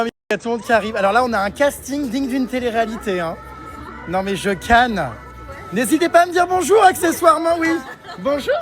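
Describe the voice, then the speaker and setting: A man hosting a vlog, giving excited commentary indoors in museum rooms, with exuberant, theatrical exclamations. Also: very high voice. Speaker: vlog host.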